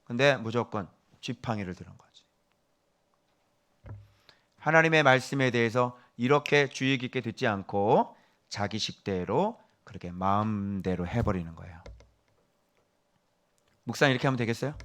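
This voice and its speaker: A middle-aged male pastor delivering a sermon, scolding and quizzing his listeners, jumping from loud emphasis down to hushed whispers. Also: mid-range voice, animated, normal speed, long pauses. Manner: scolding, asks the congregation questions.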